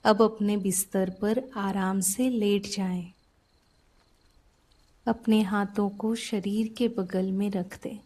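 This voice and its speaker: A woman with a husky, medium-pitched voice leads a sleep meditation in a soft, soothing, unhurried manner, pausing after each short phrase.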